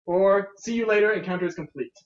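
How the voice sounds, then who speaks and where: A man's voice: high voice, fast talker. A man reading a tabletop adventure and chatting casually with friends, laughing often. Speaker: game reader and player. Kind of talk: casual game-night chat and reading. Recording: echoey room, distant mic, dull sound.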